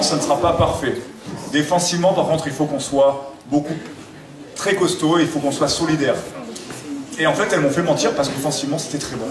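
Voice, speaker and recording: Male coach, post-match speech, slightly high voice, echoey room with audible crowd. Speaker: basketball coach. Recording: echoey hall, distant mic, crowd noise.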